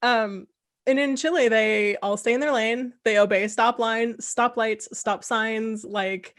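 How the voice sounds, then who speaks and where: A woman's voice: on the high side, steady tone, unhurried. A woman from California hosting a casual chat, talking in rambling asides and laughing often. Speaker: host.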